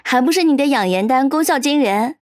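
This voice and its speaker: A woman's voice: high voice, animated, a little fast, dry recording, clean studio sound. An actress playing a young woman salon owner, earnest and sometimes worried.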